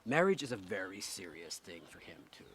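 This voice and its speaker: A stammering, explosive film director. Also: male voice, low voice, very animated, a little fast, a bit bright, slight background noise. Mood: hushed, scheming. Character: volatile male indie film director.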